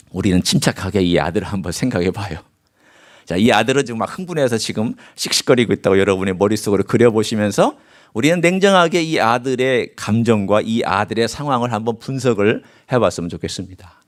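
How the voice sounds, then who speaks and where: A man preaching a sermon as pastor, asking his congregation questions and swinging his voice high and low as he acts out the scripture. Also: a little fast. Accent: Korean. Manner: animated preaching with sharp pitch swings. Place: church sanctuary.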